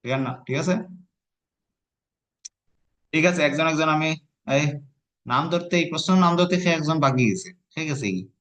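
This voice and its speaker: A man's voice: a little high, normal speed, long pauses, a bit bright. A man teaching an online lesson, patiently coaxing his student and breaking words into syllables.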